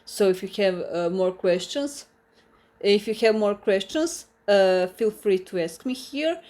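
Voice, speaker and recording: This woman's voice is mid-range and slightly dark. A native Croatian speaker with a Croatian accent, she gives a live online language lesson, explaining with slow care, frequent restarts, and examples said again and again.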